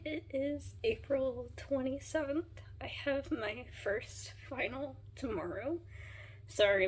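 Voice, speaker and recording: A woman's voice: on the high side, a little hiss or hum, poor audio. Chatty young woman vlogging to camera. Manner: chatty and candid, with frequent "um" and "like". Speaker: veterinary student vlogger. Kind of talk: casual diary vlog to camera.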